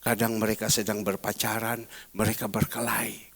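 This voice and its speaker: A middle-aged man from Surabaya, a pastor giving a sermon, swinging between soft low asides and loud emphatic preaching. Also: flat delivery, moderate pace, gravelly. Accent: Indonesian, Surabaya. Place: large church hall. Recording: reverberant church hall.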